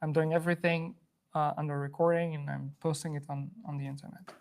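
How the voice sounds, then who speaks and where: A man's voice: on the high side, little pitch movement, brisk. A man from Afghanistan hosts a live coding workshop to a room, chatty and loose, with many fillers and restarts. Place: room with an in-person audience.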